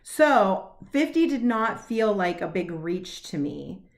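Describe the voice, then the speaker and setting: A woman's voice: medium pitch, sing-song, slow. Chatty upbeat woman in her forties. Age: 40s. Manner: chatty, upbeat, laughs at herself. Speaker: cross stitch vlogger. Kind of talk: casual chat to camera.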